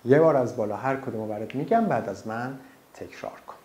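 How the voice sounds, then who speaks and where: Man drilling slow repeat-after-me pronunciation. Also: mid-range voice, lively intonation, darkish tone. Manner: slow drawn-out model pronunciation, direct and informal. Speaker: French teacher.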